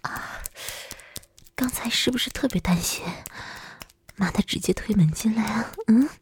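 A woman's voice: a little high, unhurried, darkish tone. A woman performing a whispered ASMR roleplay in a teasing, domineering manner.

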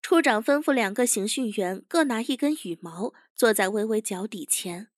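A woman narrating an audio drama in a steady storytelling voice. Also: a little high, normal speed.

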